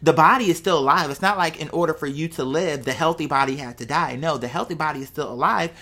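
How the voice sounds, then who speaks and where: Speaking quickly, a woman with a fairly low, bright and pushed voice hosts a show in an unscripted, casual monologue to her followers. She thinks aloud in a chatty way, throwing out rhetorical questions and making sure the listener is keeping up.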